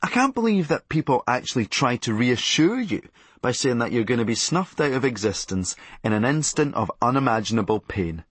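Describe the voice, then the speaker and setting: A man's voice: medium pitch, big pitch swings, a little fast, a bit bright, husky, no room sound. A Scottish man narrating a comic memoir in a sardonic, darkly comic and blunt manner. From Scotland. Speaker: comedian narrating a memoir audiobook.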